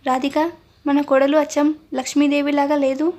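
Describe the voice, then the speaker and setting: A woman reading a kindly older father in a storybook, giving his family orders in a fatherly way. The voice stays high and flat. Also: normal speed, natural voice. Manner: fatherly, directing.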